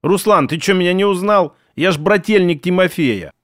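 Brief: man playing a young, easygoing guard, slangy and bewildered, raised pitch, dry close sound. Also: moderate pace, no echo, natural voice. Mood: puzzled. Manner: casual slangy talk. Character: young male security guard, casual and bewildered.

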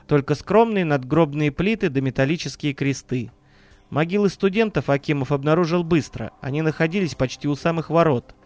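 A man narrating a horror audiobook in an even, measured storytelling manner on a close mic. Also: on the high side, no room sound.

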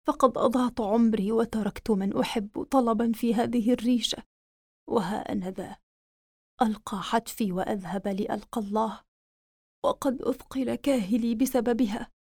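A woman's voice: a little high, natural voice. A woman voicing a dying male army commander who speaks faintly and solemnly, full of regret. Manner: faint, weak, solemn last words.

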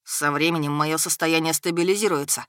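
A woman voicing a timid boy who is a dark tower spirit, speaking in a hesitant, subdued way. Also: low voice, fairly even intonation, fairly quick, no room sound, studio quality, natural voice.

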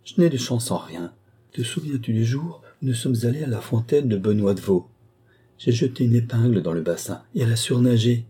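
A man reading the lines of a grief-stricken young woman in a hushed, broken voice, in a storybook reading. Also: medium pitch, animated, a little fast, husky, voice pushed up. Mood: despairing. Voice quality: hushed, muffled.

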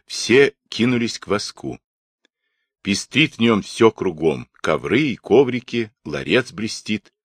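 Male audiobook narrator, deep and slow, dramatic, close dry mic. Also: big pitch swings, husky, no echo.

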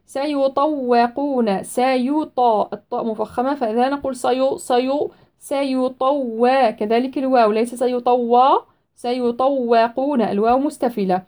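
A woman with a slightly high, mellow voice teaches the rules of Quran recitation. She chants each verse slowly and deliberately, then breaks off to explain the rule in plain, halting speech full of fillers. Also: steady tone. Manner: hesitant fillers while explaining.

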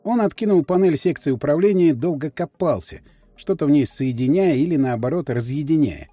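A man narrating a science fiction story for an audiobook in an expressive, storytelling manner. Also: fairly high pitch, a little fast, dry recording, faint music behind. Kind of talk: scripted narration.

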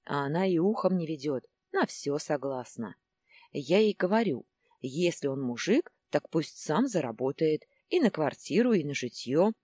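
A woman's voice: low voice, big pitch swings, normal speed, mellow, breathy edge, no echo, exaggerated voice. A woman reading the part of a resentful, quarrelsome middle-aged mother in a storybook. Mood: bitter. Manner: resentful, scolding.

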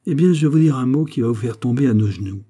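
A man voicing a teasing musketeer captain from a classic adventure storybook. He talks briskly and coaxes. The voice sits a little higher than the reader's own dark, husky tone. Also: expressive. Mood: coaxing.

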